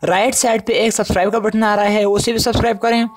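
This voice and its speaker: A man with a Pakistani Urdu accent teaching English letter sounds in a casual spoken lesson, chatty and addressing viewers as friends, repeating each letter slowly and drawn out. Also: high-pitched, little pitch movement, a little hiss or hum.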